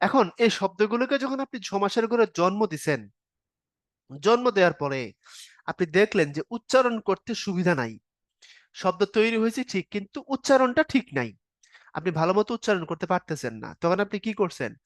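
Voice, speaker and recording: This online exam-prep grammar teacher has a high, sing-song voice and talks fairly quickly, recorded in studio quality without echo. He walks through points one by one, speaking informally with casual verb forms and quizzing his students.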